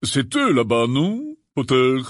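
A man voicing a gruff, grizzled old male auror who growls his words slowly. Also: wildly swooping pitch, dry recording, studio quality, heavily acted. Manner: growling, slow and low.

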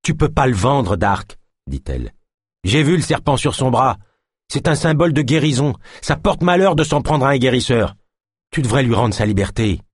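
A man's voice: medium pitch, very animated, normal speed, slightly rough, dry recording, clean studio sound, pitched above the performer's own voice. A man voicing a determined woman who speaks in a firm, insistent way. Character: determined woman, stern and defiant.

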